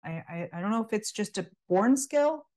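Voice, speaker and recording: A woman's voice: mid-range voice, expressive, normal speed, dark tone. A woman, a guest on a casual podcast, talking in a wry, sarcastic way and laughing between remarks. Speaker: podcast guest, natural health practitioner. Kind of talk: casual conversational interview.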